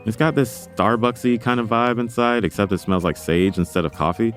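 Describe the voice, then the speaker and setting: A man's voice: fairly low pitch, fairly quick, soft background music. A man from North Carolina hosting a narrated documentary podcast, telling it with wry, self-deprecating humor. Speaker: podcast host.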